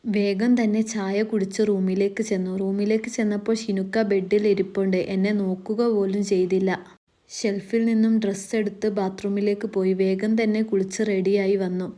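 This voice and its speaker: A woman, reading a love story aloud in a soft, even way. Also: mid-range voice, normal speed.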